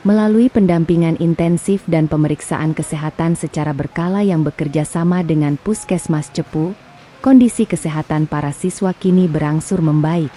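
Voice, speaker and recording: A woman reading a scripted news report in a steady, formal voice-over. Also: low-pitched, a little hiss or hum.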